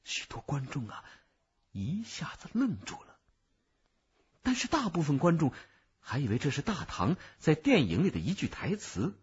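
Male storyteller, husky bright voice, wide expressive swings, dull lo-fi recording. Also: on the high side, normal speed. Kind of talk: children's story reading.

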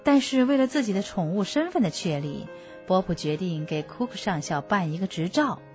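A woman hosting a children's story program, explaining gently to young listeners. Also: medium pitch, lively intonation, normal speed. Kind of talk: scripted narration for children. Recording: dull lo-fi recording with music.

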